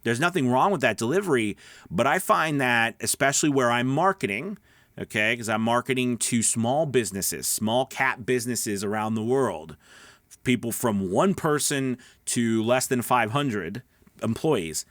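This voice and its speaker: Speaking in a mid-range, slightly bright voice, this middle-aged voice-over coach and online host teaches in an animated, unhurried way. He keeps things casual, emphatic, and conversational, frequently checking in with listeners, and the recording is dry.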